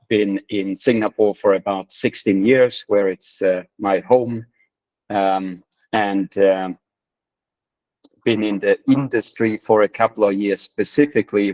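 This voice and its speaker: A man from Sweden introducing himself as a guest in an online AMA, pausing often with fillers. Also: on the low side, no room sound, dull audio. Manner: hesitant, many fillers. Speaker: guest, managing director.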